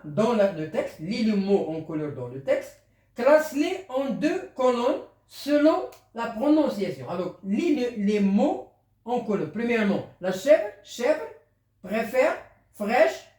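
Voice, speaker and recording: A teacher explaining a French spelling lesson, slow, repetitive and patient. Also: mid-range voice, darkish tone. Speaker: primary school teacher. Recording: roomy, distant from the mic.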